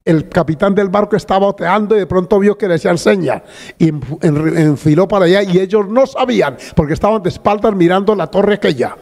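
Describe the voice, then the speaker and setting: A man's voice: high-pitched, fairly quick, gravelly, darkish tone. An older man preaching a fervent sermon as a pastor, breaking often into praise and hallelujahs. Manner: fervent, exclamatory, interjects hallelujahs. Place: church sanctuary. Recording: long reverb of a church hall.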